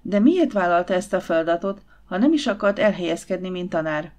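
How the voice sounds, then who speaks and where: A quick-tempered young Victorian lady, voiced by a woman reading an audiobook, demanding answers. Her delivery lifts and presses with indignation. The voice sits a little low for a woman. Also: lively intonation, a little mellow, close to an everyday voice. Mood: pointed. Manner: indignant, exclaiming.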